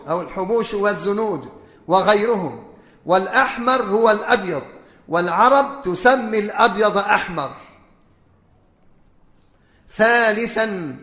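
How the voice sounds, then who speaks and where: High, bright-voiced man teaching in an echoey hall. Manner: explains word by word, repeating terms. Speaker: religious teacher. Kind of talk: religious lesson. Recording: echoey hall with long reverb.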